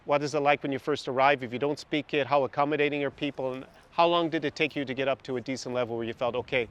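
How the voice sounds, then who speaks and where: A man's voice: medium pitch, steady tone, quick pace, a bit bright, clean tone. A man with a west of Ireland accent, interviewing in a casual, chatty and conversational way. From Galway, west of Ireland.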